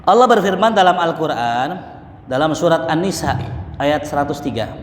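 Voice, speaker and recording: A man's voice: a little high, expressive, moderate pace, a little hiss or hum. A man gives a mosque study lecture, joking and acting out market banter. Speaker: religious teacher. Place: mosque hall. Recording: echoey mosque hall.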